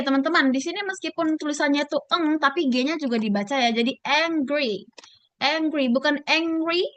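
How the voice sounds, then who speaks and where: A woman with an Indonesian accent teaching an online English class, mixing English with Indonesian and slowly repeating words to model their pronunciation. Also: high-pitched, sharp tone, no echo.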